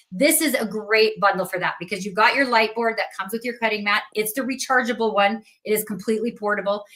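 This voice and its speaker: A woman's voice: mid-range voice, bright, forceful tone. A woman hosting a live craft sales stream, chatty and upbeat, giving away prizes and reading out winners. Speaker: livestream host for a craft company.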